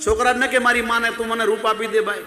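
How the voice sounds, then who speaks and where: A man's voice: very high voice, level tone, quick pace, pushed and bright. A man voicing an amused male god who patiently and teasingly explains things to a sage. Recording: echoey hall with faint music.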